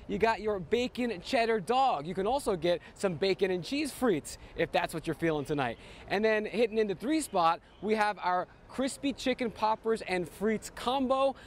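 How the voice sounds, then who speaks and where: A young man hosting a pregame baseball show, delivering scripted segments with energetic, promotional punch from around the ballpark. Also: high voice, a little hiss or hum. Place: ballpark concourse and museum.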